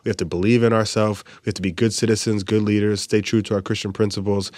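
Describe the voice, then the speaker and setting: A young man from the Bahamas, newly a medical doctor, answers interview questions earnestly and articulately, with some restarts. His voice is on the low side and a little mellow, with a level tone and a quick pace. There's no echo.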